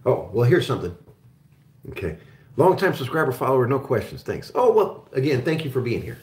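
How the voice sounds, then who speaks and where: A German-born man raised in Oklahoma hosts a live call-in show on metals and resource stocks, chatting casually and rambling with many fillers and restarts. His mid-range voice is darkish in tone, brisk, and swings widely in pitch. The room gives the recording a noticeable echo.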